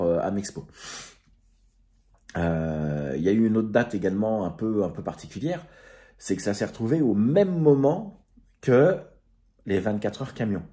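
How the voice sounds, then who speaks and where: A Frenchman who hosts amateur radio videos chats casually and unscripted, recapping things for his followers. His voice is deep and mellow, and he speaks hesitantly, groping for words.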